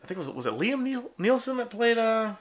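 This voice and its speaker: A man's voice: very high voice, big pitch swings, fairly quick. Rambling man chatting over old toys. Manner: rambling, self-deprecating, lots of ums. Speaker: toy collector vlogger. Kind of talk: casual unboxing chat. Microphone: handheld camera, then on a tripod. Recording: faint background noise.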